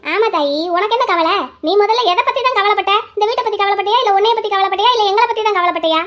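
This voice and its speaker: Brief: a woman playing a stern cartoon grandmother over 60, scolding, high-pitched and quick. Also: a bit bright. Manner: lecturing, scolding. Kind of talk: Tamil cartoon voice acting.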